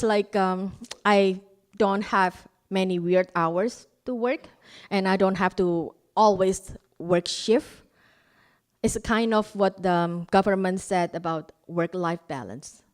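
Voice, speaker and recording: Onstage, this Indonesian woman in her forties pokes fun at herself through stories, chuckling at her own punchlines. She speaks slowly at a medium pitch, her accent Indonesian with an Australian tinge.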